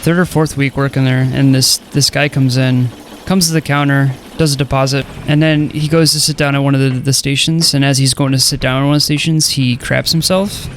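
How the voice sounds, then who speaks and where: A man in relaxed, jokey chat while playing a video game, telling a work story. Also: mid-range voice, brisk, slight background noise. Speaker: gaming co-host. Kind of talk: casual gameplay chat.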